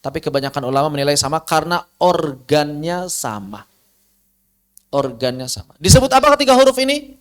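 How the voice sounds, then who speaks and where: A man teaching Quranic recitation, explaining and slowly repeating letter sounds to demonstrate them. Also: a little high, big pitch swings, smooth. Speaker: tajwid teacher. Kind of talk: recorded lesson on Quranic pronunciation.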